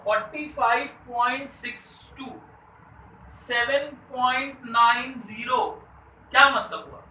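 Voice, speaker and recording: In an echoey room, a man teaches a school math lesson, posing questions to the class and answering them himself while mixing English math terms into his speech. His voice is high and sharp, a bit distant from the mic, with faint background noise.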